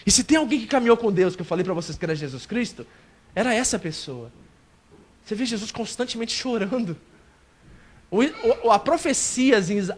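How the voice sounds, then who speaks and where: A male pastor preaching a sermon at a church service, animated and acting out a believer's complaints. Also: high voice.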